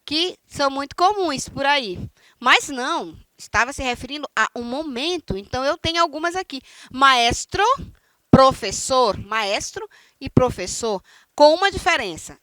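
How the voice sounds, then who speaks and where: High, bright-voiced Brazilian woman teaching. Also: no room sound. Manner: explains slowly, checks in with "tá?". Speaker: Spanish teacher. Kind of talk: recorded online lesson.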